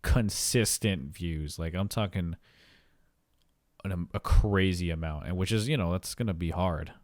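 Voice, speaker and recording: A man's voice: low voice, moderate pace, a little mellow, dry recording, studio quality. A man co-hosting a podcast, chatting casually and rambling, with repeated words and casual swearing. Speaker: podcast co-host. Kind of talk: casual chat.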